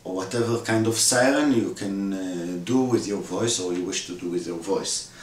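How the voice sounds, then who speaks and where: A man explaining a vocal score step by step, pausing often with fillers and acting out the sounds himself. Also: deep voice, slight background noise. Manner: demonstrates sounds with his own voice, many fillers. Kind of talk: instructional walkthrough. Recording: echoey room, voice from far off.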